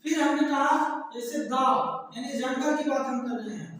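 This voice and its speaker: A high-voiced man explains grammar like a classroom teacher, repeating his examples patiently. He sounds far from the mic, and his voice rings with long room echo. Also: a bit bright, slight background noise. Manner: repetitive, explains slowly with examples, addresses viewers as friends. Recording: echoey distant room sound.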